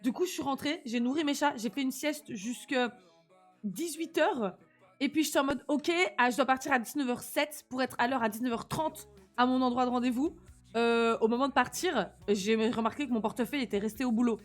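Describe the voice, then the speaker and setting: A woman's voice: high-pitched, a little fast, soft background music. A young woman with a slight lisp and slushy s sounds, chatting casually and animatedly in slang as she livestreams. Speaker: live streamer.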